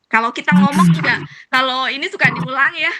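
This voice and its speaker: A woman teaching a grammar class, guiding her students patiently and repeating phrases slowly. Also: high-pitched, a crowd in the background.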